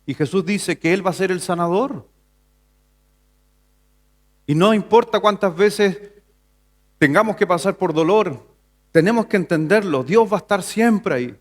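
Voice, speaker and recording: A man's voice: animated, measured pace, long pauses. A man from Chile, a pastor, preaching a Sunday sermon in church, asking the congregation questions and building to emphatic passages. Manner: preaching with rhetorical questions, rising to an emphatic pitch. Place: church sanctuary.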